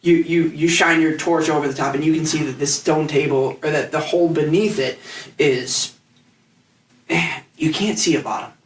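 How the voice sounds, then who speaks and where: A man's voice: a little high, fairly even intonation. Game master, man, rambling narration full of restarts, roomy recording from a distance. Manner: halting, rambling descriptions with many restarts. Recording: echoey room, off mic.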